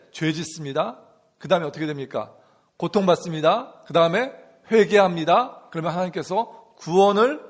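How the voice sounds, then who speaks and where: Man preaching, high voice, middle-aged, questions to the congregation, rhythmic repetition, church sanctuary. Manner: call-and-response questions to the congregation. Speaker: pastor. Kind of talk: sermon.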